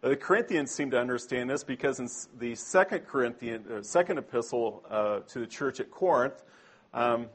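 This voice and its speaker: A man's voice: medium pitch, expressive, fairly quick, husky. A man preaching a sermon to a congregation in a conversational way, often asking them questions.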